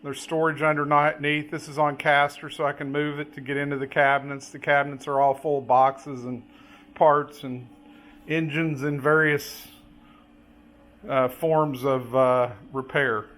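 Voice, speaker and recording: A man giving a casual, unscripted show-and-tell tour as a hobbyist, pointing things out item by item in a halting way. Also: on the high side, level tone, fairly bright tone.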